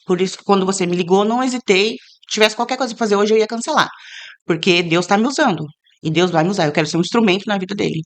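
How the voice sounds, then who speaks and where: A woman guest speaks earnestly about her faith in a relaxed interview. She sits at a middle pitch and slips into animated quoted voices as she tells her story. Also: quick pace. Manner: earnest, animated when quoting others. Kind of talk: casual interview, faith testimony.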